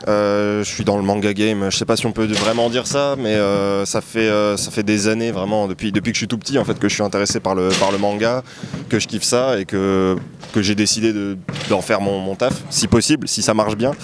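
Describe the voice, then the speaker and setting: A man's voice: lowish voice, flat delivery, a little fast, background noise. A man in his early twenties, from Portugal, talking casually and hesitantly as an interview guest on an outdoor basketball court. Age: 20s. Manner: hesitant, many filler sounds and restarts. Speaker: interview guest, manga artist.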